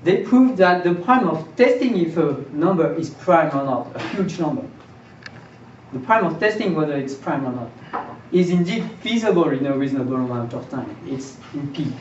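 A man's voice: on the high side, lively intonation, normal speed. A young man giving a math seminar lecture in a classroom, explaining step by step and often restarting and repeating his words. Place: lecture room with projector screen. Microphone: far camera, no mic. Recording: roomy, distant, dull camera audio with faint hiss.

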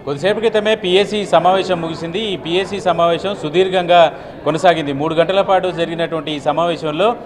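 A man in his thirties giving a live news report outdoors into a handheld mic, steady, with filler sounds between phrases. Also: on the high side, fairly quick. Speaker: field reporter. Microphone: handheld channel mic.

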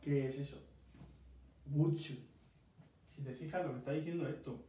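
Racing along with fairly even intonation, a dark-toned man of medium pitch gives a casual one-on-one lesson on English pronunciation, explaining it patiently step by step. He is an English teacher from Murcia, Spain, with a Murcian Spanish accent, and the audio is very echoey, faintly noisy, and mic-distant.

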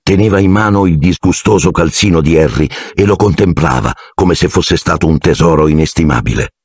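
A man narrating an audiobook in a measured storytelling manner on a close mic. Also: deep voice, a little mellow, breathy edge, no room sound. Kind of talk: scripted narration.

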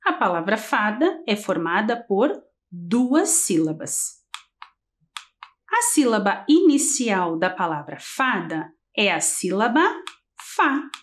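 A woman teacher leading a TV literacy lesson for young children, talking in a slow sing-song and stretching syllables as she counts letters. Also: mid-range voice, sing-song. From Brazil. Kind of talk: early-grade literacy lesson on TV.

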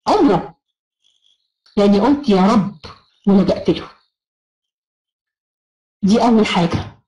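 A woman's voice: medium pitch, a little mellow, roomy sound, low-quality recording. A woman with an Egyptian Arabic accent giving an encouraging online self-help lecture, praising her students as she goes.

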